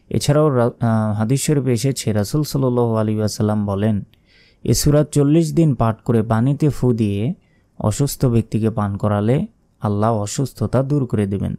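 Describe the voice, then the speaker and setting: A man with a Bangladeshi Bengali accent teaching correct Quran recitation, explaining slowly and deliberately with drawn-out chanted examples. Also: on the low side, dark tone. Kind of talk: religious recitation lesson.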